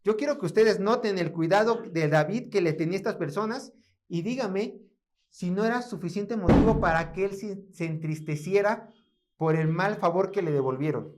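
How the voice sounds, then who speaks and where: A man with a Mexican Spanish accent preaching a sermon, building to emphatic passages and dropping softly for repeated prayers. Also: high voice, moderate pace. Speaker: pastor.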